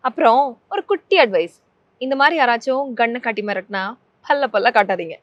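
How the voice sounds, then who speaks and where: A woman's voice: on the high side, lively intonation, brisk, no room sound, highs cut off, close to an everyday voice. An actress playing a playful young woman who coaxes and teases a stranger in film dialogue. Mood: teasing. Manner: coaxing, pleading, then teasing. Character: playful young woman, cheeky mock robber.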